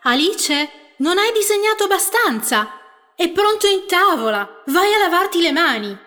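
A busy, bossy mother calling out in a very high, lively, bright voice, as a woman acts her out in a storybook. A long reverb and music sit under her. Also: moderate pace, heavily acted.

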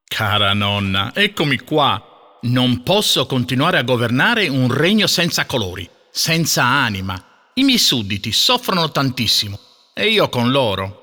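A man's voice: mid-range voice, sing-song, measured pace, bright, forceful tone, long reverb tail, exaggerated voice. An actor playing an earnest, determined young king in a storybook tale.

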